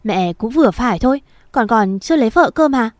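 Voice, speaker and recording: A woman's voice: a little high, animated, fairly quick, no room sound, clean studio sound, close to an everyday voice. A woman voicing a frustrated young man arguing with his mother. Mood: exasperated. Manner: pleading, exasperated.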